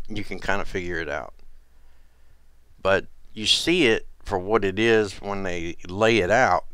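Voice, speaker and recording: A man hosting his own video, talking in a meandering casual monologue that repeats itself and trails off softly. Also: low-pitched, clear, resonant tone, no echo. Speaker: conspiracy video host.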